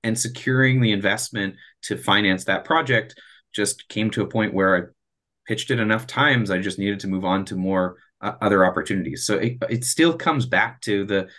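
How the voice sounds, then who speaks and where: Here the space project developer, a man in his thirties, presents and fields questions over a video call in a small room at home or in an office. Earnest and explanatory, he keeps restarting his words, and his lowish, fairly bright voice comes at a moderate pace through the computer microphone.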